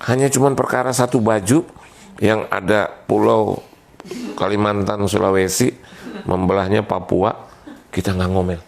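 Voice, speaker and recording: A male pastor delivers a storytelling sermon. His voice sits low and carries heavy fry. He jokes along the way and acts out the voices of the people in the story. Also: moderate pace, slight background noise. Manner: animated, acts out quoted voices, jokey.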